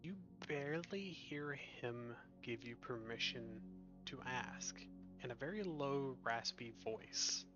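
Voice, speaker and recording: A man's voice: mid-range voice, slow pace. A man narrating a tabletop game as game master, describing actions in a matter-of-fact way. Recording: slightly muffled stream audio. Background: faint music.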